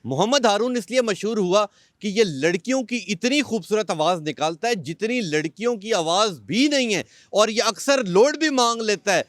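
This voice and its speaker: High-voiced male interviewer. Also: expressive, no room sound, clean studio sound. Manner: upbeat, prompting, talks in a leading way. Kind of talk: street-style interview.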